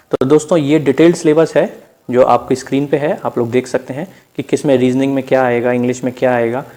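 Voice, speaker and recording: A man with an Indian accent presents an informal exam-prep explainer, narrating over on-screen slides. He calls his listeners friends and mixes in English terms, speaking in a mid-range voice with a dark tone.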